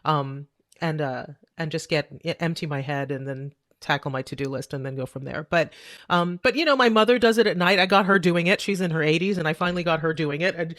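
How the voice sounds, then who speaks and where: A woman in her fifties from Trinidad and Tobago, a guest talking earnestly and in animated bursts in a casual interview. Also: low voice, no room sound, studio quality. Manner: animated, earnest, talks in quick bursts with restarts.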